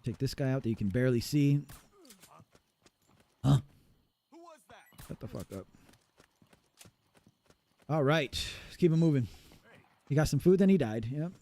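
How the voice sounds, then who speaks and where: A man in his thirties offers casual, profane, rambling commentary while streaming a game live. His mid-range voice is dark in tone, with a measured pace and long pauses, and the recording is dry.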